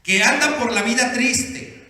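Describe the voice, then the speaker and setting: A man's voice: very high voice, measured pace, sharp tone, a little hiss or hum. A male pastor preaching a sermon, speaking emphatically and calling for responses from the congregation. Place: church hall. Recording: echoey hall with long reverb.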